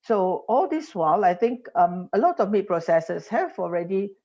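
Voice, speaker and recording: This woman's voice sits at medium pitch with big swings in intonation, a dark tone, and a moderate pace. She's a Singaporean industry guest in a podcast interview, explaining with heaps of examples and many restarts, captured in dull lo-fi audio.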